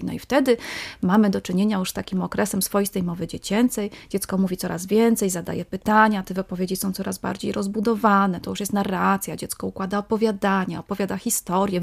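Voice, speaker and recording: Woman speech therapist on the radio, bit of vocal fry, patient, goes over things twice. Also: mid-range voice. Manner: patient, explanatory, repeats key points. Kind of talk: expert explanation in a radio interview.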